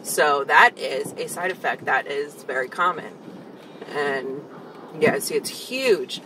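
A woman in her thirties with a sore, swollen, partly numb jaw, giving a casual, halting vlog update from inside a car. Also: deep voice, bright, forceful tone. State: swollen, numb, sore jaw after wisdom tooth removal. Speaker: vlogger. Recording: distant mic, faint vehicle noise. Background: faint car and outdoor noise.

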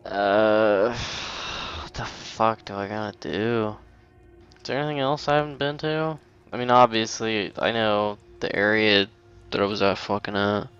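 A man's voice: fairly low pitch, a little slow, fairly bright tone, clean tone, muffled recording, soft background music. A man giving casual, rambling commentary over a video game, swearing often and mocking himself. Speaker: let's play gamer.

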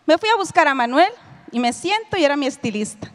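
A middle-aged woman with a high voice gives a talk to an audience, speaking to them directly as she tells a personal story. Her voice rings out with a long reverb, as in a big hall. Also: expressive, fast talker. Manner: storytelling, addresses listeners directly, acts out quoted dialogue. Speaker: lecturer giving a personal testimony. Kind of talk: spoken lecture to an audience.

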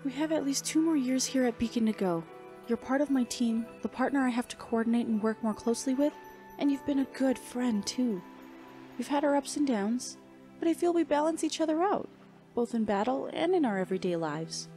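A woman voicing a warm, earnest teenage girl huntress, speaking softly and heartfelt in a fan fiction reading. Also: sits high, animated, fairly quick, soft background music, pitched above the performer's own voice. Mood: tender. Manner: soft, pleading, heartfelt.

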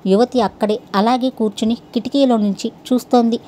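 A woman narrating a story in an expressive, descriptive way. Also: fairly high pitch, a little fast.

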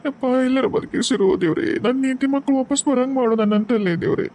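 A man's voice: very high voice, quick pace, a little mellow, slight background noise, voice pushed up. A man voicing a heartbroken young husband in a cartoon, pleading in a raised, strained voice with a North Karnataka Kannada accent. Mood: grieving.

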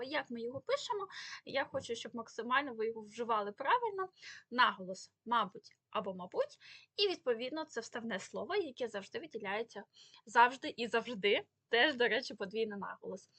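Woman, language teacher, explanatory, higher voice, dry recording. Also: bright, forceful tone, breathy edge, no room sound. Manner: explanatory, stresses example words. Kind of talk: spelling lesson.

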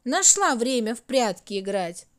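A woman's voice: high-pitched, sing-song, a little slow. A woman doing a grumbling boy, the fifth hour. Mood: scolding. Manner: grumbling, bossy. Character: fretful young male hour, a boy.

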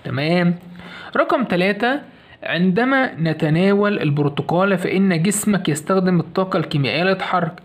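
A man speaking in a high voice, a touch fast, gives a quick classroom science explanation in an Egyptian Arabic accent. Key points get repeated, and he answers the questions he raises.

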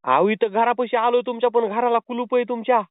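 This prank caller, pretending to deliver something, begs and insists in a very high, steady voice at a slightly fast pace. The recording is dry and tinny, made over a phone line.

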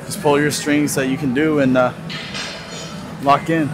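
The recording is rough: a phone camera on a nearby tripod catches a fitness vlogger in his twenties over loud gym music. His fairly high voice is flat and measured as he rambles casually through a walk-and-talk in a large gym, laughing often.

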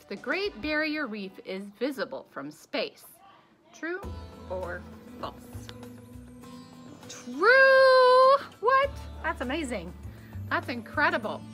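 Animated woman teaching children, bright and lively. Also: sits high. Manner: animated, gasping, exaggerated excitement for children. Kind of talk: kids' Bible lesson to camera. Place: small indoor room with wood-paneled wall.

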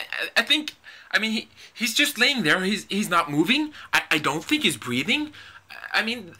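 A man's voice: very high voice, pushed and bright, exaggerated voice. A young man from Norway with a Norwegian accent performs a stage monologue as a panicky young man, stammering and repeating words as he confesses in a rush. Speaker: acting student. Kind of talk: theatre monologue audition.

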